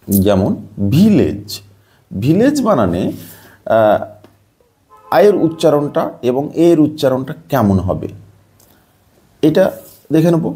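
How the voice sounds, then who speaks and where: Patient man teaching pronunciation, mellow voice. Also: on the high side. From Bangladesh. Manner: patient, repetitive, spells words slowly. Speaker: English teacher. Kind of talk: explaining pronunciation lesson.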